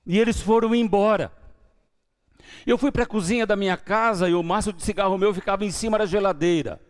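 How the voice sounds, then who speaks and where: Brisk and high-voiced, a man preaches as pastor in a church with a Brazilian Portuguese accent. His sermon relates his testimony, swinging from quiet, hushed lines to loud, lively ones.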